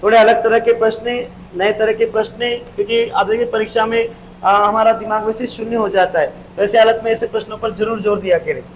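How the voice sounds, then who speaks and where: A male teacher giving an exam-prep grammar lesson, explaining step by step, repeating key terms and drawing sounds out slowly. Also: sits high, steady tone, a little hiss or hum, low-quality recording.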